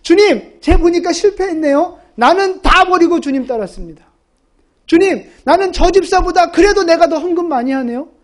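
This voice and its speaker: A woman's voice: very high-pitched, animated, normal speed, pitched above the performer's own voice. A woman doing a smug, boasting churchgoer. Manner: boastful, complaining. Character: self-righteous churchgoer boasting to the Lord.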